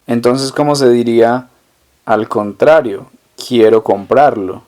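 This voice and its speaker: Male language tutor, unhurried delivery, middle-pitched voice, poses a phrase then repeats the answer. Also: darkish tone. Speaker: language teacher. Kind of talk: slow, deliberate language lesson narration.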